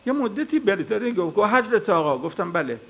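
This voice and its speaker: A man's voice: high voice, breathy edge. A male cleric giving a sermon, telling stories and acting out the dialogue in them. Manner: storytelling with acted dialogue, animated. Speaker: cleric and preacher. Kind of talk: sermon with anecdotes. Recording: tinny phone-like sound.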